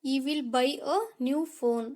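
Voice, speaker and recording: High-voiced woman teaching grammar. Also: fairly even intonation, drawn-out words, darkish tone. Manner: explains step by step and asks rhetorical questions; mixes Kannada with English terms. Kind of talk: exam-prep lesson.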